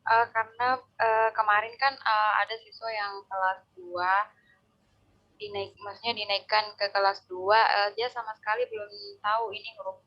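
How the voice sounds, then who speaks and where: A woman's voice: medium pitch, fairly even intonation, moderate pace, dull audio. A woman teacher reporting hesitantly in an online meeting, her call audio breaking up. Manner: hesitant, many "eh" fillers. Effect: choppy call audio that keeps breaking up. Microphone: video call.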